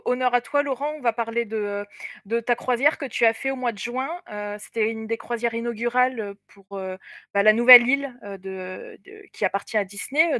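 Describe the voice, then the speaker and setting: A woman's voice: a little high, fairly bright tone, dry recording. A woman hosting a live stream, amused and keeping her guests on track. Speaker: host.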